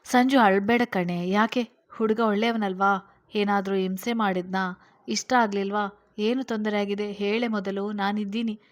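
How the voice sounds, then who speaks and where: A woman's voice: mid-range voice, fairly even intonation, a little slow, lightly acted. A woman voicing a scheming, confident older sister in a storybook reading, talking in a reassuring, commanding way.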